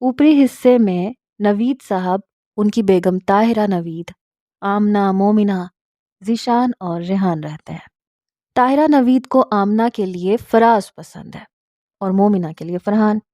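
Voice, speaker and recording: A woman narrating a family story in a calm, even way. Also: mid-range voice, a little slow, no room sound, clean studio sound.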